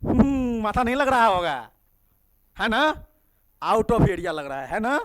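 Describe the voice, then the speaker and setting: Lively high-voiced man teaching math. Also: a little slow. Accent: Bihari Hindi. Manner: lively, coaxing questions to students. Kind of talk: classroom teaching. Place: classroom.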